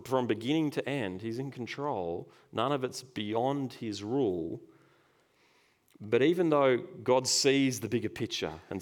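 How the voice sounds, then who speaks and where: A man preaching a sermon, dropping soft and rising loud when reading scripture. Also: mid-range voice. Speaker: pastor.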